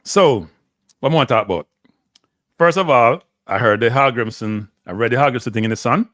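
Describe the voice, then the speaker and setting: A man's voice: medium pitch, a little fast, fairly bright tone, dry recording, clean studio sound. A middle-aged man with a Jamaican accent hosting a live stream, lecturing viewers and answering chat, slipping in and out of patois. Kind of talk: ranting live stream commentary.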